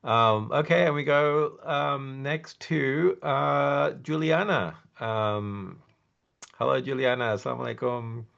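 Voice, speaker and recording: Male session host with a gravelly voice over a dull video-call line. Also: mid-range voice, takes it slowly. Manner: warm thanks, stumbling transitions. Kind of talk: hosting an online session. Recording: muffled video call audio.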